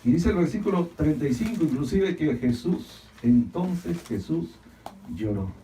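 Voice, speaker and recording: Expressive pastor in an echoey hall. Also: male voice, a little high, unhurried, distant mic, slight background noise. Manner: preaching with dramatic swings between loud emphasis and hushed lines; repeats phrases and asks the congregation to answer. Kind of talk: sermon. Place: church hall.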